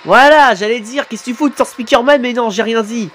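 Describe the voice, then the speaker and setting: Excitable man doing reaction commentary. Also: very high voice, fairly quick, slight background noise. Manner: excitable, punctuates with exclamations and swearing. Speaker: YouTuber reacting to fan animations.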